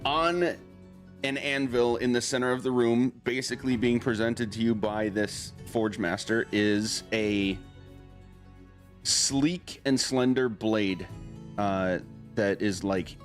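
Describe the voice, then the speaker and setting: Low-voiced man running a tabletop game. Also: steady tone, soft background music. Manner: halting, pieces scenes together in short phrases. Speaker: game master. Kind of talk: improvised tabletop game narration.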